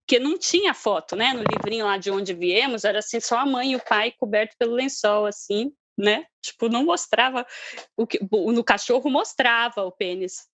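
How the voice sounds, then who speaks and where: A woman's voice: fairly high pitch, moderate pace, a bit bright, a little hiss or hum. A woman journalist chatting on a podcast and telling a candid, self-mocking story. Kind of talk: casual podcast chat.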